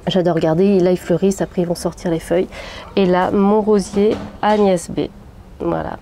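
A gardening vlogger in her thirties, nursing a head cold, chats casually through a tour of her plants on a small sunny outdoor balcony, full of fillers and restarts. Her voice is on the low side and dark, steady at a normal speed. She holds her phone at arm's length, and there is slight background noise.

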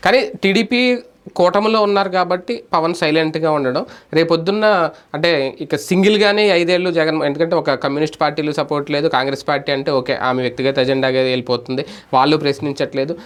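A man's voice: fairly high pitch, fairly even intonation, fast. A man hosting a political debate, humming along and putting short probing questions to his guest. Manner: listens with constant hums, asks short probing questions. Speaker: debate host.

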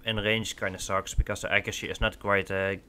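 Slight background noise sits under a lowish male voice that stays flat but comes out fast, pushed and bright. He's a young Dutch gaming host rambling in second-language English as he plays a shooter, with lots of fillers and restarts in his casual let's play commentary.

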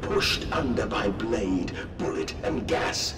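Grandiose machine villain, echoing. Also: male voice, fairly low pitch, lively intonation. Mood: grandiose pleading. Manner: grave, slow, theatrical proclamation. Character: grandiose, menacing male machine mind, prophet of slaughter. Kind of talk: dramatic horror game acting. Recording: echoing, distant, under loud game music.

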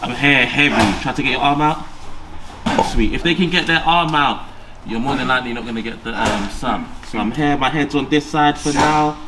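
A man's voice: medium pitch, moderate pace. A man demonstrating a grappling technique step by step on the mats of a large indoor gym. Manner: step-by-step explaining. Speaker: grappling coach. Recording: loud gym noise, off-mic.

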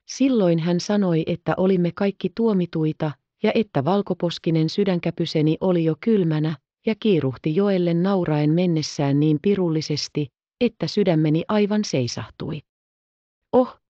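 A defiant young frontier woman, read by a woman narrator. She exclaims urgently in a low, mellow voice. The recording is dry and a little lo-fi. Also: no room sound, natural voice. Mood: breathless, frightened.

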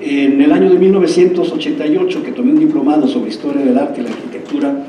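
A Mexican man in his fifties lectures with a mellow, slightly high voice, wandering into anecdotes and asking his listeners to agree. He is heard from a distance in an echoing hall. A faint hum of room sound sits behind him. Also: steady tone, quick pace, dull audio. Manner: digressive storyteller, checks in with listeners. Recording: roomy hall, mic far off.

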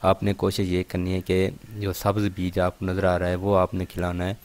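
A man demonstrating partridge care in a steady, explanatory vlog, repeatedly pointing things out to his viewers. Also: low voice, normal speed. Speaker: bird keeper showing partridge care.

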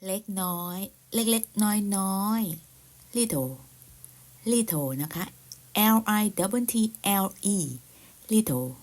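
A woman leads a beginner vocabulary lesson at an unhurried, deliberate pace. She says each word several times and spells it out letter by letter, with a polite, soft-spoken delivery and a pitch in the middle of the range. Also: expressive. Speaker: English teacher.

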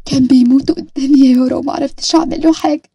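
A woman with an Egyptian accent voicing a young woman who is anxious and devoted to her fiancé, with high tearful pleading. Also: fairly even intonation, racing, creaky, warm tone, no echo, highs cut off. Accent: Egyptian Arabic.

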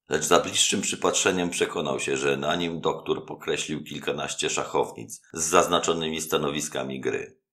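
Male narrator for literary audiobook; measured, dramatic delivery, rough gravelly texture. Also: very deep voice, fairly bright tone.

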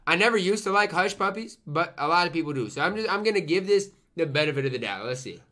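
Fast and forceful, a young man with a fairly high, bright voice and lively intonation reviews food for the camera in a casual way. He murmurs "mm" appreciatively while eating, speaks with emphasis, and repeats lines for effect, all from a small room indoors at home.

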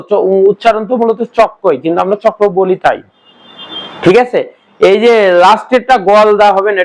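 A man's voice: high-pitched, poor audio. A man teaching a grammar class as a patient lecture, who quizzes his students and repeats each answer himself. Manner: patient step-by-step explaining.

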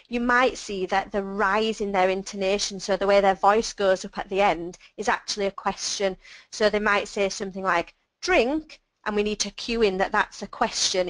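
A woman presenting a webinar on child speech and language, explaining patiently and clearly with simple examples. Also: medium pitch, dry recording, rough recording.

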